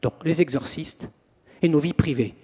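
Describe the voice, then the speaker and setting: A priest and exorcist giving an anecdotal public talk, acting out scenes as a theatrical storyteller. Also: male voice, fairly high pitch, normal speed, mellow, slightly rough. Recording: long reverb of a hall.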